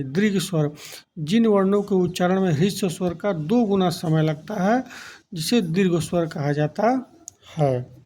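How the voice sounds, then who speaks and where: A man's voice: high-pitched, dark tone, a little hiss or hum. A man teaching a grammar lesson, defining each term, then spelling out letters and counting them aloud one by one. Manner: defines terms then repeats them for emphasis.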